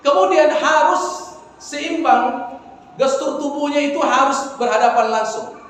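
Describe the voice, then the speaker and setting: A man preaching a lively mosque sermon, joking with the audience and acting out greetings. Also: extremely high pitch, unhurried. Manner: playful, acts out greetings, jokes with the audience. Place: large mosque hall. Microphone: far front-facing phone camera. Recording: echoey hall, distant mic, faint noise.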